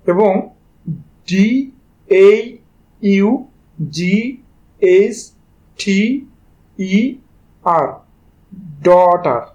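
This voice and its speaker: High-voiced Bengali man teaching pronunciation. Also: a little mellow. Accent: Bangladeshi Bengali. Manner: spells words letter by letter before saying them; addresses students directly and informally. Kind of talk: spelling-based pronunciation lesson.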